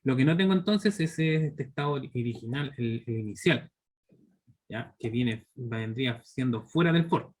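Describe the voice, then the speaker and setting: A mid-range voice at a measured pace comes from a man in his thirties with a Chilean Spanish accent. A university teacher, he's giving a live online programming class, going step by step and constantly checking in with his students through tag questions.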